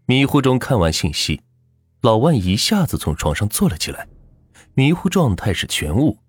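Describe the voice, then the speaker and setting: A man tells a ghost story in a husky, fairly low voice whose pitch rises and falls with the drama. The sound is dry and close to the mic. Soft music plays faintly underneath. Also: big pitch swings, moderate pace, dry recording.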